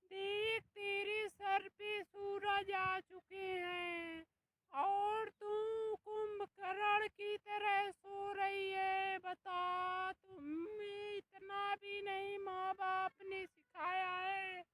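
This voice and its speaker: A woman voicing a scolding older mother-in-law who nags her lazy daughter-in-law, shrill and drawn out. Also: level tone, very slow, background noise, exaggerated voice.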